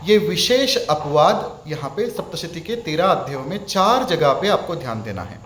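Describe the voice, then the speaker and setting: A man with an Indian accent teaching Sanskrit recitation, chanting verses slowly and repeating each one patiently, sometimes switching into English. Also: a little high, expressive, fairly bright tone, reverberant, a little hiss or hum. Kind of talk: spoken lesson with chanted verses.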